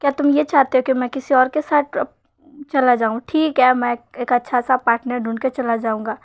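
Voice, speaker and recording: Insistent young married man, coaxing, high and level as a woman reads a fan story. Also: steady tone, normal speed.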